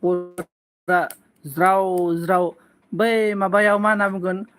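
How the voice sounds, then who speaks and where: A man hosts a casual live stream, answering viewer comments with playful teasing. He speaks slowly in a fairly high voice and often breaks off to cough. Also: fairly even intonation, a bit bright. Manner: slow, playful teasing banter with frequent coughs.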